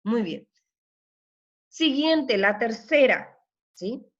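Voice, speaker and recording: A woman teaching young pupils, speaking very slowly and patiently in a slightly high voice. She keeps checking that the children follow and praises them often. The audio is a little dull and lo-fi. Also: animated. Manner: slow, patient, checks in with "¿sí?" and "¿ok?" constantly. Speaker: primary school teacher. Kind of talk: recorded remote lesson.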